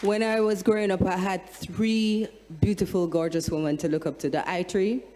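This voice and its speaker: A woman's voice: medium pitch, fairly even intonation, moderate pace, noisy background. Jamaican woman telling stories in a reverberant hall. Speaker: singer on a discussion panel. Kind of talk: animated storytelling, bursts into sung lines. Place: large hall with an audience.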